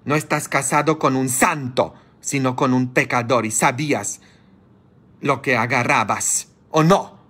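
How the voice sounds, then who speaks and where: A man preaching as a priest, scolding his listeners with fervor and breaking into sudden high-pitched outbursts. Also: steady tone, a little slow, fairly bright tone, husky. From grew up as a child of immigrants. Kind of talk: sermon. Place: church, streamed live.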